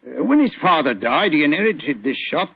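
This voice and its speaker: Gravelly police inspector Lestrade. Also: male voice, a little high, sing-song, fairly quick, no room sound, heavily acted. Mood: matter-of-fact. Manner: colloquial, chatty, deferential. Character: deferential, plain-spoken London police inspector. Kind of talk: 1940s radio acting. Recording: muffled vintage radio recording.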